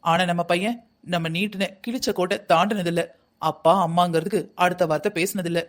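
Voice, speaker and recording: A voice doing a scolding older husband, fast. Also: medium pitch, steady tone, lightly acted. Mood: grumbling. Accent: South Tamil Nadu. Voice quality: scolding, nagging. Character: grumbling older husband and father. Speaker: voice actor in a family cartoon. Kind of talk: cartoon family comedy acting.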